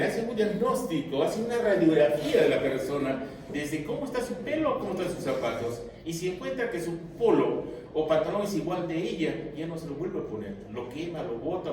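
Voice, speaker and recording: Joking lecturer in an echoey classroom. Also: male voice, fairly high pitch. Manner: animated, joking, addresses students directly. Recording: echoey room, mic far off, noisy.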